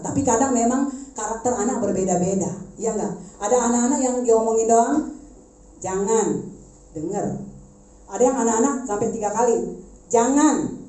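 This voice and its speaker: A woman preaching a sermon in a conversational, animated way, turning to the congregation with asides. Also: a little high. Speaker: preacher, schoolteacher. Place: church service. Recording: echoey church hall.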